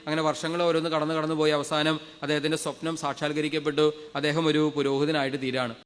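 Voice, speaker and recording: Fast-preaching priest in a reverberant hall. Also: male voice, on the high side, level tone, smooth. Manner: fervent, leads congregation in loud hallelujahs. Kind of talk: sermon storytelling.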